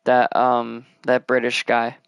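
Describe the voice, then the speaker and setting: Man, let's play commentary, rambling, slow delivery, dry close sound. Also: medium pitch, monotone, gravelly, clear, resonant tone, no room sound. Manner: rambling, mumbles counts while building. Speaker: gamer.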